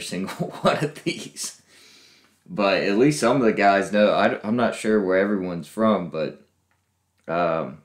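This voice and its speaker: A man hosting a reaction video, guessing aloud with lots of laughs and unsure pauses. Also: lowish voice, roomy sound. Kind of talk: casual reaction commentary.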